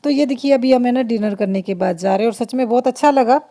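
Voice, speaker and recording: A woman's voice: fairly high pitch, fast talker, dark tone. A woman vlogger and mother chatting through a casual voice-over of her family video, laughing often and restarting her sentences.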